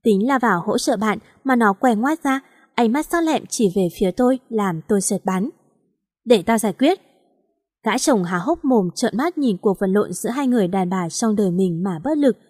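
A woman reading a first-person story aloud in a lively manner, voicing the characters' lines. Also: mid-range voice, moderate pace, slightly rough, dry recording, clean studio sound. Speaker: story reader.

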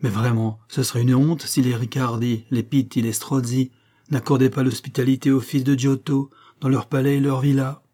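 A man's voice: mid-range voice, level tone, normal speed, mellow, close to an everyday voice. A man voicing a proud old Florentine count, a stern noble father who speaks in a lofty, declamatory way. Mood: gracious.

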